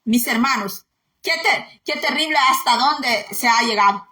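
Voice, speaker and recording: A woman delivers a fervent sermon. She repeats words for emphasis and slips into sing-song mockery of others. Her voice is high and bright, and the room around her echoes. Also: measured pace. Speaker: preacher.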